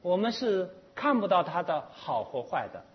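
Man, Buddhist teacher, dharma talk; very lively pitch, animated storyteller who leans on drawn-out particles, dull lo-fi sound.

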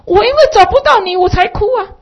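Woman doing a high tearful lost child. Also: fast talker. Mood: tearful pleading. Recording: dull lo-fi recording.

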